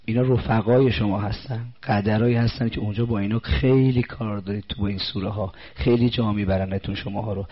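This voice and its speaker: A man delivers a sermon in a low, husky voice, pressing his listeners with direct questions. He slows right down whenever he recites scripture. The recording sounds dull and lo-fi. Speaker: religious preacher.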